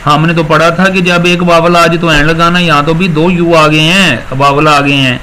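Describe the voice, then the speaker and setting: High-voiced male teacher. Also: steady tone, bright, forceful tone, slight background noise, low-quality recording. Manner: explains step by step, repeats words slowly, praises students. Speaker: English teacher. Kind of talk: recorded classroom lecture.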